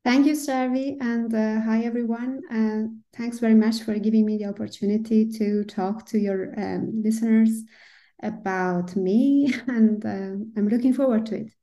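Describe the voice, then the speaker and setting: A woman from Iran talks through her background as a podcast guest. Her voice sits a little high but sounds mellow and warm. She hesitates often, fills gaps with "um" and "uh", and laughs lightly. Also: steady tone, a little slow. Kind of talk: conversational interview.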